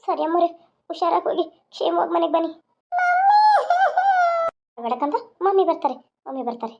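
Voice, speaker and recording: A woman's voice: extremely high pitch, brisk, gravelly. A woman voicing a devoted housemaid who earnestly pleads with her employer. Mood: pleading. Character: devoted female maid, loyal and motherly. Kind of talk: cartoon voice acting. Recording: dull lo-fi sound.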